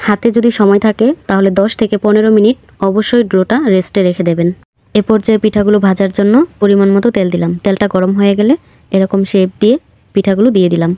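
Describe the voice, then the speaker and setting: A woman talks through a recipe as the host of her cooking channel. Her voice is mellow and warm, friendly and instructional. The recording is dry and close, with no room sound. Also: mid-range voice, fairly even intonation, fast, no room sound. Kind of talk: recipe voice-over narration.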